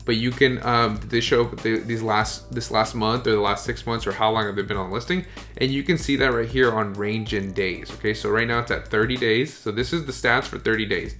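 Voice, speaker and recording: A man's voice: fairly low pitch, fairly even intonation, fairly quick, fairly bright tone, soft background music. A man coaching online sellers in a casual screen-share tutorial, often checking in with "okay?" and "you guys".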